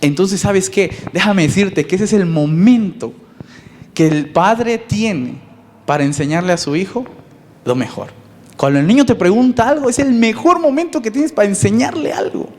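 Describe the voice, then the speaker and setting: A man with a Mexican accent preaching a sermon as pastor, lively and conversational, asking his listeners questions. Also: sits high, normal speed. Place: church. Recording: long reverb in a church hall.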